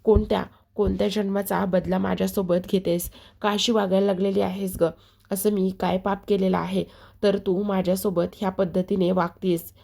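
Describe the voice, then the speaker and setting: A woman narrator putting on a scheming older aunt who nags and makes loud, theatrical complaints. Her voice is gravelly and creaky and stays fairly flat in pitch. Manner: scolding, wailing, theatrical.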